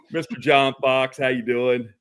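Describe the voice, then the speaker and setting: In a mid-range, fairly bright voice that's clear and resonant, a Texan man hosts a laid-back livestream talk show. He's friendly, greets viewers by name, calls them brother often, and chuckles frequently.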